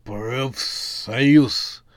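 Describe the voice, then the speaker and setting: Man doing a halting, hissing zombie foreman. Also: medium pitch, no echo, studio quality. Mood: dull, halting. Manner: slow, halting single words, hissing. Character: dim-witted male zombie foreman, slow, one-word answers.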